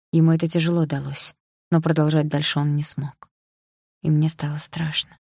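A woman narrating a first-person audiobook in an even, intimate reading. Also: low-pitched, vocal fry, breathy edge, no echo, clean studio sound. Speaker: audiobook reader.

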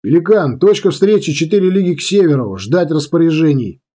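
A tense, decisive young woman pilot, as a male narrator puts her on barks orders over the radio in a strained, high voice. The tone is husky and dark, and it leaps around sharply. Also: animated, brisk. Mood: urgent commanding.

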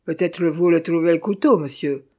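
A narrator voicing a sly male servant who speaks in broken pidgin, loud and mocking. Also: medium pitch, fairly quick, natural voice. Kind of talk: audiobook character voice.

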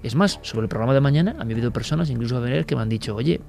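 A male radio host talks in an emphatic, rhetorical way and keeps turning to his listeners as friends. His voice sits at an ordinary middle pitch. Faint music plays underneath. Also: very fast, vocal fry, a little mellow. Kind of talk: late-night radio talk.

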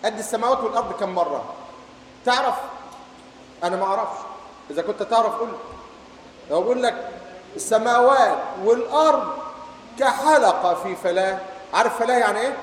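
Egyptian guy teaching a class, high voice, keeps asking the students questions, echoey hall w faint hiss. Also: expressive, fast talker, long pauses. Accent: Egyptian Arabic. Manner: quizzes students and recites verses. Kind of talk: lecture to students.

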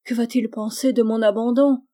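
A woman's voice: mid-range voice, steady tone, moderate pace, dark tone, breathy edge, lightly acted. A woman voicing a distraught young wife who pleads urgently for her husband in a read-aloud novel. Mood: anxious.

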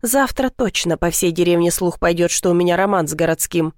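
A woman narrating a first-person novel in a wry, lively manner. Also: on the low side, fairly quick, no room sound, studio quality. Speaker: audiobook narrator.

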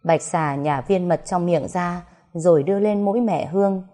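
Mellow-voiced woman narrating a story. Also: lowish voice, normal speed.

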